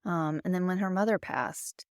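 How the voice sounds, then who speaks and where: A woman's voice: lowish voice, moderate pace, dry recording, studio quality. A woman co-hosting a casual book discussion, asking questions and readily agreeing. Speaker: book club podcast co-host.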